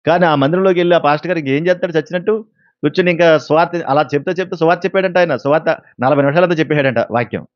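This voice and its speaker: A man's voice: on the high side, very fast, no room sound. A male pastor preaching a sermon, telling a story and asking the congregation questions. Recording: dull lo-fi sound.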